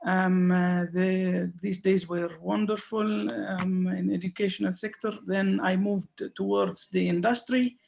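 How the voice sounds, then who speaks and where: A man's voice: high voice, fairly even intonation, measured pace, vocal fry, hardly any pauses, a little mellow. A man in his thirties from Syria, a guest lecturer on a video call webinar, speaking hesitantly with many fillers and restarts. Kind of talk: webinar talk.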